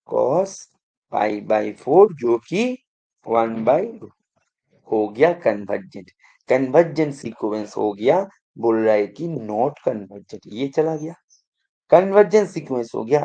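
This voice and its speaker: A man's voice: mid-range voice, expressive, slow, dark tone, muffled recording. A man teaching math in an exam-prep lecture, who keeps quizzing the students and repeating his prompts to pay attention.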